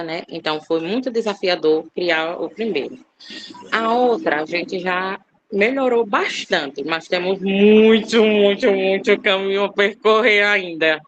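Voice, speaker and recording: A woman's voice: on the low side, highs cut off. A woman in her thirties sharing a personal testimony in a class, hesitant and full of fillers, her voice rising with emotion. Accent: Brazilian Portuguese. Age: 30s. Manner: emotional, hesitant with many fillers, rising when she recalls scolding.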